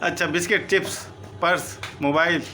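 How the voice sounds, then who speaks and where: Playful high-voiced family vlog dad. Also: male voice, steady tone, moderate pace, very noisy. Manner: joking, playful emcee calling out words. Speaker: vlog host.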